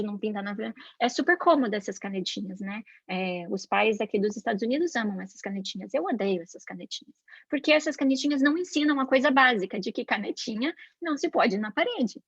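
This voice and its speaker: A woman's voice: mid-range voice, fairly quick, no room sound, muffled recording. A woman with a Brazilian Portuguese accent, an educator giving an informal talk about raising children, who chats freely and acts out the voices she quotes. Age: adult parent. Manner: chatty, acts out quoted voices, frequent "né?" tags. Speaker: Montessori educator.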